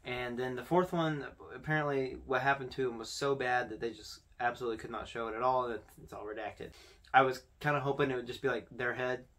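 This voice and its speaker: This young video host talks fairly quickly in a medium, fairly bright voice with fairly even intonation. He addresses the camera conversationally with casual, informal commentary from a small indoor room full of posters.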